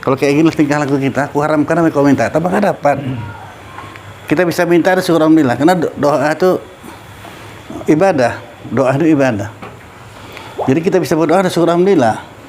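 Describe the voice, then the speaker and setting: A man's voice: fairly high pitch, fast, long pauses, darkish tone. Middle-aged man, religious teacher, casual study circle, asks listeners questions, faint background noise.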